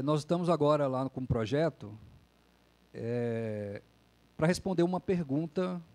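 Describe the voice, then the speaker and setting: Here a man who works as a lawyer speaks in a warm voice on the high side during a public talk. His manner is conversational, and he often adds a questioning "né?" to the end of his sentences.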